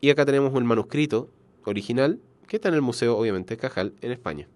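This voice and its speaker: A nasal, cold-stuffed man of medium pitch delivers an online biology lesson fast, with lively intonation and a darkish tone, and no echo. As a teacher explaining concepts, he keeps correcting himself and tossing in check-in questions.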